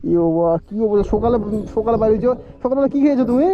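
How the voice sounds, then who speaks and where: Very high-voiced fast-talking man outdoors. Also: lively intonation. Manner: gently coaxing, repeats himself. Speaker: vlog host. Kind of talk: casual roadside chat. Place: outdoors by a road, on a bike. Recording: dull lo-fi audio with music behind.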